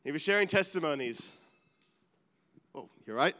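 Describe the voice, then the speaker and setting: A male pastor with a high, bright, clear voice preaches earnestly, climbing to emphatic peaks and dropping into asides. His words ring out with a long reverb, as in a large church hall. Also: expressive, normal speed. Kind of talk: sermon.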